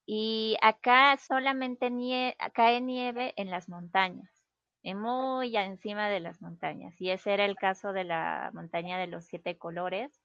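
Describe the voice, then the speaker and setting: A woman from Peru with a Peruvian Spanish accent chats casually as a conversation partner, explaining things slowly and patiently with pauses. Her mid-range voice is fairly bright with fairly even intonation, and the recording is muffled but free of echo.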